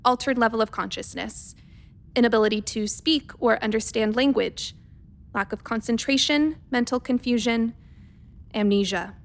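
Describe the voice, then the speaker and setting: A woman with a natural, somewhat high voice plays a methodical, worried spaceship doctor dictating a research log in a radio play. At a moderate pace she sounds clinical, measured and precise, yet hesitant.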